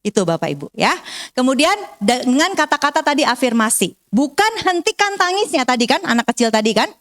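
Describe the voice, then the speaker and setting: A woman counselor gives a seminar talk to parents in a high, bright voice. She explains patiently and acts out short parent and child exchanges. She guides breathing counts slowly and softly. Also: very animated.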